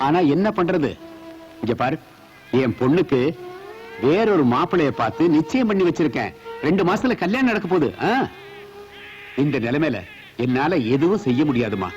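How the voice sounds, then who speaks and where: Man playing a rich dad, calm and firm, muffled track with some music. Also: on the high side, natural voice. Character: wealthy father, cold and resigned. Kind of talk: dubbed film acting.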